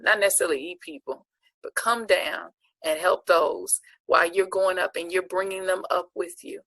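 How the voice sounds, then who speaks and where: A woman's voice: on the low side, creaky, a bit bright, breathy edge, no echo, poor audio. A woman accepting an award and giving an earnest, preacher-like speech of encouragement. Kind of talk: inspirational speech.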